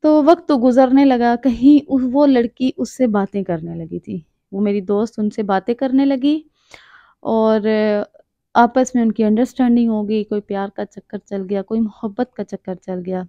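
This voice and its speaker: In a slightly high voice, a young storyteller and author from Pakistani Punjab shares something from her own life, sounding earnest and reflective as she gives advice. The lo-fi recording is dry and dull.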